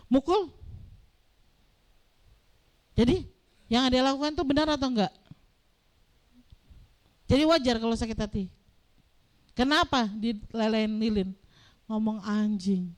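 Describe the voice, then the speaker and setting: Middle-aged woman pastor, high voice, lively storytelling sermon that acts out the dialogue. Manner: animated storytelling, acting out dialogue.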